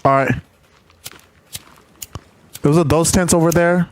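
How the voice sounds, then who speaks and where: A man's voice: on the high side, steady tone, slow pace. A man in casual gaming voice chat, giving short replies and narrating what he does in the game. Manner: laid-back, short acknowledgements and running commentary on his moves. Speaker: gamer playing co-op.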